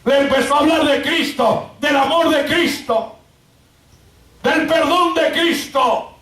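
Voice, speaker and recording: A woman delivers an impassioned evangelical sermon, often shouting for emphasis. She speaks at a slow, deliberate pace. Her voice rings through a roomy church from a distance. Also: high voice. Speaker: preacher. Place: church sanctuary. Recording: roomy church sound from far off.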